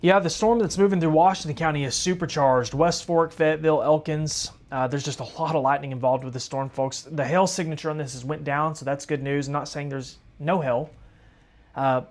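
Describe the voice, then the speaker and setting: A man's voice: on the high side, steady tone, brisk. Tired man on live storm coverage. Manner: casual, chatty, addresses viewers as folks. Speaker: storm-tracking livestream host. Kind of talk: live weather commentary.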